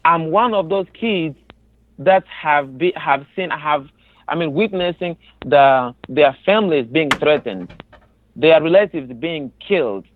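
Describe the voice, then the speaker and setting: A man in his twenties from the Congo, speaking earnestly and haltingly in an interview over the phone. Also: on the high side. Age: 20s. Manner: earnest, halting with many restarts. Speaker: guest. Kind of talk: interview about personal experience. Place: on a phone call. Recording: tinny phone line.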